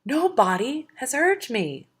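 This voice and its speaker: A woman's voice: sits high, sing-song, takes it slowly, husky, pitched above the performer's own voice, exaggerated voice. A woman reading aloud, voicing a huge savage one-eyed male cyclops who growls and bellows. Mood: shouting.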